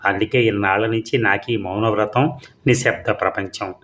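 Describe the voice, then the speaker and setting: A man voicing a meek young wife who speaks in a hushed, patient, pleading way. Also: lowish voice, steady tone, moderate pace, dull audio, natural voice. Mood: hushed, rueful.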